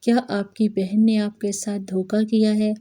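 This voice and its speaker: A calm young man in a wheelchair from a spoken storybook, voiced by a woman narrator. He speaks quietly and firmly with measured reproach, and the voice stays dark and mellow. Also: medium pitch, natural voice.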